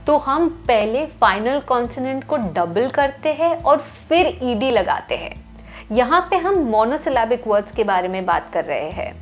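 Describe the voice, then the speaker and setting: A woman teaching English grammar rules in a clear, step-by-step way. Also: a little high. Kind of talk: scripted lesson voice-over. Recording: faint music behind.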